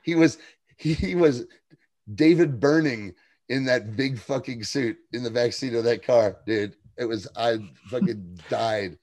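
A man's voice: mid-range voice, measured pace, a little mellow, no room sound. A man co-hosting a casual TV recap podcast, rambling with profane, laughing asides. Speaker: podcast co-host.

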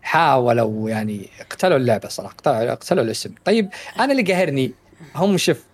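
Male co-host, blunt and chatty, quick pace, casual gaming podcast talk. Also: medium pitch, big pitch swings, slightly rough, dry recording.

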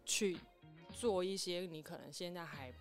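Low-voiced, easygoing woman guest. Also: unhurried, over music. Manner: thoughtful, easygoing. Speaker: fashion model guest. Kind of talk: casual podcast conversation.

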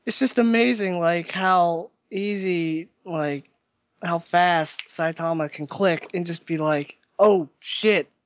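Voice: medium pitch, fairly even intonation, slow, no echo, lo-fi sound. A person chatting casually with friends in a loose, informal way. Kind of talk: casual group chat.

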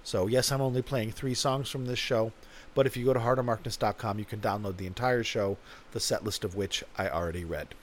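A man's voice: lowish voice, steady tone, a little fast, slight background noise. A man hosting a podcast in a casual, rambling way, joking and poking fun at himself. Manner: joking, self-mocking, rambling. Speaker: podcast host.

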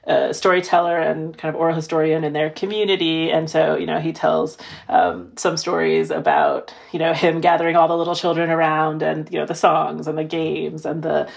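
Middle-aged woman author, low and gravelly, thoughtful interview guest, lots of "you know". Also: normal speed. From Midwestern United States. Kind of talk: conversational interview.

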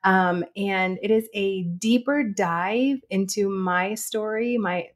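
Woman guest, bubbly and giggly, loose casual talk full of fillers, mid pitch. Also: slow. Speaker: guest author and fitness instructor. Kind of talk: casual interview.

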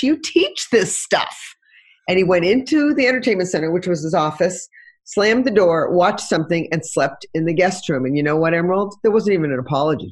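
Middle-aged woman, relationship coach guest, husky lower voice, lively expressive delivery. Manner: expressive storyteller acting out dialogue. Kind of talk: animated talk-show interview.

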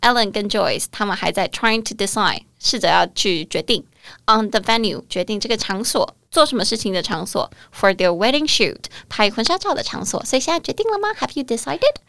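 A woman with a Taiwanese Mandarin accent co-hosting a bilingual English lesson, spelling words out slowly and joking with her co-host. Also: mid-range voice, lively intonation, creaky, bright, forceful tone, dry recording. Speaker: podcast co-host and English teacher.

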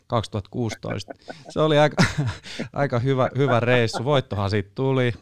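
An easygoing man hosting a casual interview chat and nudging his guest along with questions. His voice is smooth and resonant, recorded close and dry. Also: mid-range voice, no echo. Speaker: host.

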